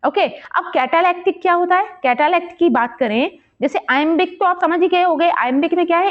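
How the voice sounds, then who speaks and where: A woman teaching English literature exam prep, explaining step by step and posing quiz questions, reading English passages slowly. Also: sits high, muffled recording. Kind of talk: exam-prep lesson in Hindi-English mix.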